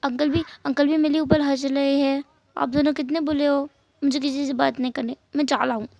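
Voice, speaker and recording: A woman voicing an excitable little boy who stumbles and halts while hunting for words. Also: sits high, gravelly, no room sound. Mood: sulky. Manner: stumbling over words, halting searches.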